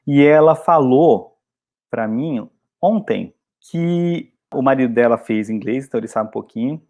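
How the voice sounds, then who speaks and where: A man's voice: medium pitch, expressive, a little slow, darkish tone, muffled recording. A Brazilian man, an English teacher, giving a chatty and encouraging video lesson.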